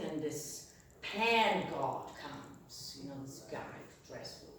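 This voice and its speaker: A woman doing a bawdy stand-up routine, telling a story with lively sound effects and acted-out voices. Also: lowish voice, recorded from a distance, a little hiss or hum. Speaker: stand-up comedian. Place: comedy club stage. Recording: echoey room, mic from afar, audience. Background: audience.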